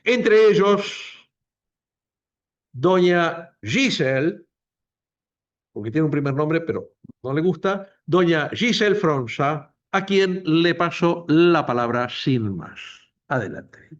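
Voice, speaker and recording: A man speaks slowly and deliberately to a university room, stressing his points by saying them twice. His somewhat high voice rises and falls with wide, lively swings. The sound is dull and lo-fi. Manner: emphatic, repeating key phrases. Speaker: doctoral program director. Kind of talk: introductory speech at a book presentation. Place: university lecture room, also streamed to video call.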